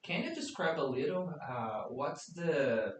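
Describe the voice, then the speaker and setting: A man's voice: a little high, sing-song, a little slow. A man from Brazil with a Brazilian Portuguese accent, hosting a casual interview podcast in English in a chatty, playful way with hesitant restarts. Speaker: podcast host. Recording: roomy, distant mic, faint hiss.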